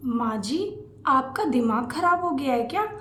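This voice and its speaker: High-voiced woman acting a family skit. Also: lively intonation, moderate pace, a bit bright, roomy sound.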